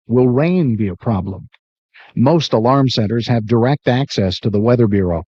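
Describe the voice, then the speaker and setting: A man giving measured, scripted narration for a training video, his voice wavering with a wobbly warped-tape warble. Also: medium pitch, warm tone, dry recording, highs cut off. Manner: measured, instructive.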